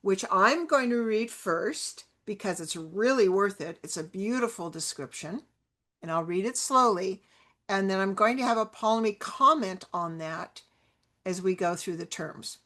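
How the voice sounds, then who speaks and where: A woman hosting a spiritual podcast, speaking slowly and deliberately as she introduces terms and reads a passage aloud. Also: mid-range voice, expressive, fairly bright tone. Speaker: podcast host. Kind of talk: slow spiritual talk show hosting, reading a quote aloud.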